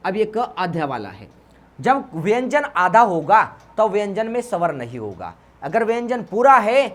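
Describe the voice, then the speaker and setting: A man's voice: high voice, fairly bright tone. A man with an Uttarakhand Hindi accent teaching a grammar class for exam students. He repeats each point several times and quizzes the class, answering his own questions and tagging "ji" onto his lines. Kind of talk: exam-prep lesson.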